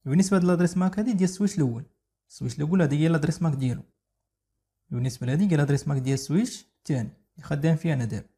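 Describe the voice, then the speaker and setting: Moroccan male instructor, quick explanatory delivery, husky fairly high voice, technical tutorial read. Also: mellow. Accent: Moroccan Arabic. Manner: rapid explanatory, mixing French and English technical terms. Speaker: networking instructor. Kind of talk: screen-recorded tutorial walkthrough.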